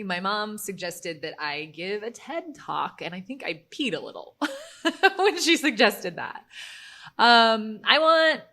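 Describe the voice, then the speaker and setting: A chatty woman hosts her solo podcast in a loose, conversational way, poking fun at herself and breaking into laughter. Her pitch bounces around a lot and her delivery stays animated. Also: creaky. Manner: chatty, self-deprecating, laughs often. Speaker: podcast host. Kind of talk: casual solo podcast monologue.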